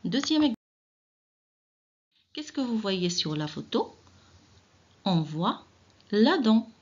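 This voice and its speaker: A woman teacher giving an early reading lesson, speaking directly to children, encouraging them and sounding out syllables slowly and deliberately. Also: medium pitch, big pitch swings, breathy edge, highs cut off. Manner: slow, drawn-out syllable-by-syllable reading. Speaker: primary school teacher.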